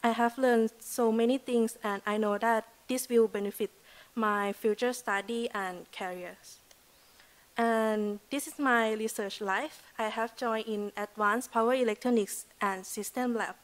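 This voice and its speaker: A young woman with a Thai accent speaks at a podium microphone in a lecture hall. Her voice sits a little high, and her delivery is earnest, with loose phrasing and frequent "like" fillers, in the manner of a student presentation. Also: fairly even intonation, measured pace. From Thailand. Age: 20s. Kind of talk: prepared presentation speech.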